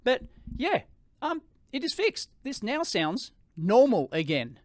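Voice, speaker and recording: An Australian man with a high-pitched voice and rising sentence endings, giving an excitable, casual off-the-cuff gear demo into a close microphone. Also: slow, no echo. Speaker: tech reviewer hosting a gear demo. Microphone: close podcast microphone.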